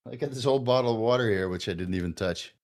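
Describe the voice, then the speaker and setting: On a casual livestream Q&A, a fortysomething man from the Netherlands talks fast in a mid-range voice with a slight Dutch accent. Tipsy, he wanders loosely from point to point and swears a lot as host.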